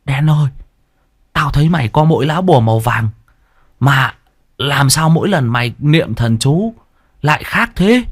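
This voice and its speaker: A high, jittery young lad, forever whining and stammering through his words, as a storyteller puts him on. His voice leaps all over the place and never sits still. It is a loudmouthed sidekick in a spoken ghost story. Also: expressive, normal speed, long pauses, husky. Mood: cheeky. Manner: whiny, stammering, chatty.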